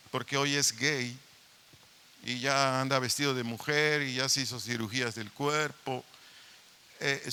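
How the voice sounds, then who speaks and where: A man's voice: mid-range voice, bright, forceful tone, slight background noise. A man preaching a sermon as pastor, emphatic and repeatedly addressing the parents directly. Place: church meeting hall.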